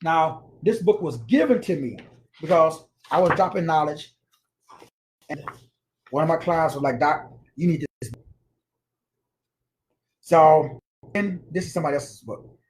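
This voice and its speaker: A man's voice: fairly high pitch, unhurried, long pauses. A man giving an informal spiritual lecture, slangy and emphatic, repeating words for stress. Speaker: spiritual teacher.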